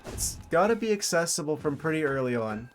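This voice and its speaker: A man's voice: a little high, big pitch swings, brisk, faint music behind. A man streaming a video game, thinking aloud in a casual, dryly humorous way. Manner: musing aloud, dry self-aware humor. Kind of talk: casual gameplay commentary.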